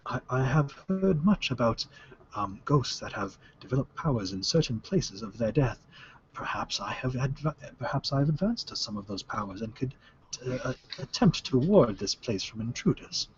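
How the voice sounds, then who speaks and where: Courteous scholarly ghost for a tabletop game, played by a man: husky, lively pitch, formal but hesitant, on dull lo-fi audio. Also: normal speed. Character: formal, helpful ghost of a forgetful dead scholar.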